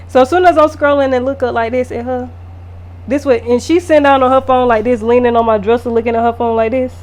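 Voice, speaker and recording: A woman makeup artist telling a casual storytime vlog, animated and profane, full of fillers. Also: a little high.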